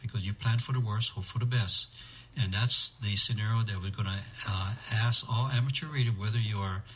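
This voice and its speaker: Slightly low-voiced man explaining methodically. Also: a little fast, a bit bright, poor audio. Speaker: interview guest, amateur radio emergency organizer. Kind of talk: explanatory radio interview.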